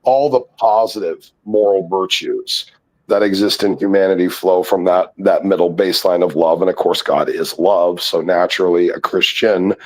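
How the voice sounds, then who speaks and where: A man's voice: low-pitched, fairly even intonation, moderate pace, poor audio. A man in casual chat, blunt and crude, lecturing at length on morality.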